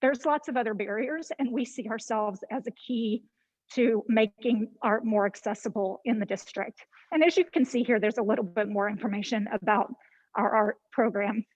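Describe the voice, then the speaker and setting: A woman's voice: a little high, normal speed, no room sound, rough recording. Slightly breathless woman leading a tour. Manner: conversational, frequent ums and restarts. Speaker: library official leading a virtual tour. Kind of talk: casual guided tour talk. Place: inside a library building, walking through stairwell and vestibule. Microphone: handheld phone camera on a video call.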